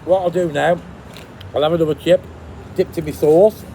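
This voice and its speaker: Creaky man chewing while he talks. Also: a little high, fairly even intonation, moderate pace, dark tone, a little hiss or hum. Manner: chewing and eating while talking. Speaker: food reviewer. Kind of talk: casual food review vlog.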